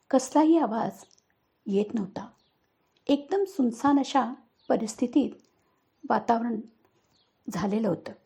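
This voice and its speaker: A woman's voice: on the high side, husky. A woman storyteller narrating a tale expressively for her listeners. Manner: dramatic, expressive.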